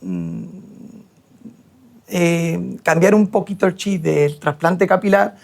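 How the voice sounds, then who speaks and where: Speaking slowly in a high, sing-song voice with vocal fry and a darkish tone, a young Sevillian man reflects on his work as a hair transplant surgeon. He's an interview guest and hesitates frequently.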